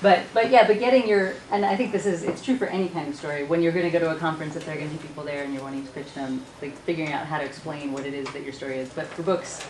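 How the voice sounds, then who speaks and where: A low-voiced woman talks fast and chatty on a conference panel, laughing often. The room is echoey and a steady noise sits under her voice. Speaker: author on a panel.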